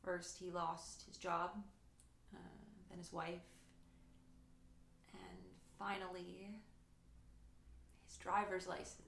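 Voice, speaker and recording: A woman acting a dramatic monologue as a grown niece haunted by her late uncle, speaking in a searching, halting, reflective soliloquy. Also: fairly low pitch, flat delivery, fairly bright tone. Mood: grave, haunted. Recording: echoey room with faint noise.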